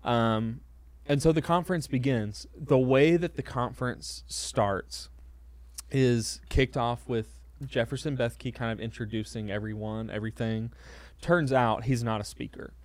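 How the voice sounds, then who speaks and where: A man's voice: medium pitch, fairly even intonation, a little slow, no echo. A man who is a pastor, telling a story in casual conversation, hesitant and self-deprecating, with lots of fillers and restarts.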